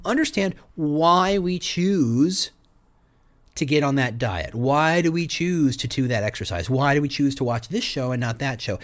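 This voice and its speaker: A man hosting his own podcast, talking through a solo monologue full of rhetorical questions in a loose, conversational way. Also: a little high. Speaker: podcast host.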